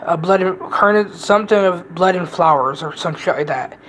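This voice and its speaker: A woman's voice: lowish voice, moderate pace, a bit bright, a little hiss or hum, poor audio. A woman giving a casual, rambling movie review, blunt and profane, often restarting her sentences.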